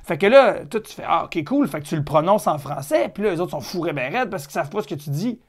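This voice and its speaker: A man's voice: fairly high pitch, lively intonation, fast talker. A man with a Quebec French accent hosting a comedic podcast, chatty and irreverent, swearing casually with lots of fillers and restarts. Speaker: podcast host.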